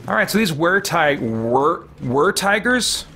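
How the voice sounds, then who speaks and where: Slow and sing-song, with a slightly high pitch and a sharp tone, a man in his forties commentates his gameplay live. Game music runs underneath as the streamer banters playfully with his characters, his viewers and himself.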